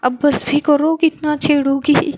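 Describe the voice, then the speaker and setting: A bashful young woman in love who protests when teased, as a female storyteller voices her. The voice is a little high and recorded dry and close. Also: level tone, measured pace, darkish tone, no echo.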